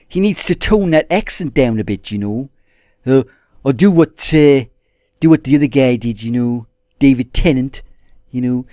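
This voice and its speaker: A man rambles through a casual review, stopping and restarting as he goes. His pitch sits a little high and moves around a lot. The sound is dry and close. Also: a little mellow, no echo. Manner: hesitant, full of fillers and restarts, addresses viewers as guys. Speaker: TV episode reviewer. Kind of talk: casual video review monologue.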